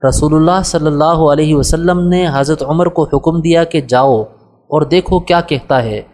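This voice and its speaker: A man narrating an audiobook of a religious biography in a measured, formal reading voice. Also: a little high, a little mellow. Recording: long reverb.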